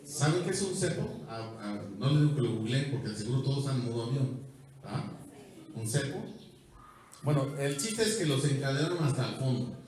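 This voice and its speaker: A man with a Mexican accent preaching a sermon, quizzing the congregation and joking, moving between loud and quiet. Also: mid-range voice, lively intonation, normal speed. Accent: Mexican Spanish. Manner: asks the congregation questions, jokes, swings from loud to soft. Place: church hall. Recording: echoey hall, voice from far off.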